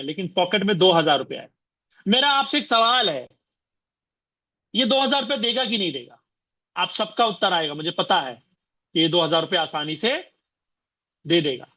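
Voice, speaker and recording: A man's voice: high-pitched, very animated, moderate pace, pauses often, sharp tone. A man from India giving a motivational seminar talk as a business trainer, repeating phrases and firing rhetorical questions at his audience. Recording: dull lo-fi recording.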